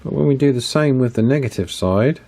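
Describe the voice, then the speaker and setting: An electronics repair YouTuber casually narrates fixing a walkie-talkie, his medium-pitched voice gravelly and warm and a little fast. He thinks aloud, with frequent fillers and restarts.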